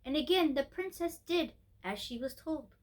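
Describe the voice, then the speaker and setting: A woman's voice: high voice, animated, moderate pace. A woman storyteller hosting a storytime, reading a children's tale expressively. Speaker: storyteller, host of a storytime show.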